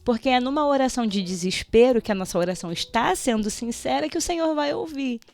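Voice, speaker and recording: Higher-voiced woman giving a lively testimony. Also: fast talker, creaky. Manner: animated storytelling, acts out prayers and dialogue, laughs often. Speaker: radio show guest, teacher. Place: radio studio.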